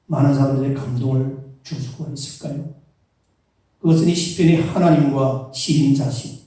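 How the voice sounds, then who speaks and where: A male pastor preaching a sermon in a measured, earnest way with casual asides, recorded in a church sanctuary. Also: medium pitch, dark tone. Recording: echoey church hall from far off.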